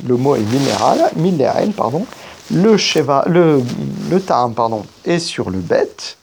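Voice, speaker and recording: A man's voice: medium pitch, very animated, unhurried, gravelly, a little mellow, a little hiss or hum. A man giving a spoken grammar lesson, explaining each rule step by step and stopping now and then to correct himself. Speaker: teacher of biblical Hebrew grammar.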